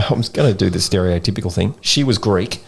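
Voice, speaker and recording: A man with an Australian accent telling a long story in a rambling, animated way, full of slang, as a podcast co-host. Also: fairly low pitch, normal speed, creaky, husky. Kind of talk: casual storytelling chat. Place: in-person podcast recording.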